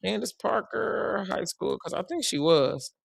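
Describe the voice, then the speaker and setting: Speaking to her stream's chat in a blunt, slangy way, this Chicago woman has a deep, creaky, slightly rough voice. She sounds expressive and takes her time, and the clean studio recording has no room sound.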